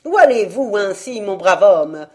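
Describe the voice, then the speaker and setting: A woman reading an audiobook, voicing a mysterious, jovial old man who speaks loud and amused. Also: mid-range voice, very animated, unhurried.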